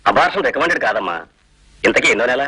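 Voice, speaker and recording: An actor playing a fatherly doctor calmly advising a young woman. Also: mid-range voice, fast, husky, no echo, low-quality recording. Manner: calm, paternal advice. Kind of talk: Telugu film acting.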